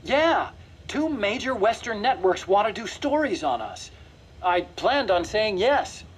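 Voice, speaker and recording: An actor playing an eager, reassuring engineer in a video game, talking persuasively with small hesitations. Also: male voice, sits high, big pitch swings, measured pace, slightly rough, heavily acted. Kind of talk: video game voice acting, mission briefing dialogue.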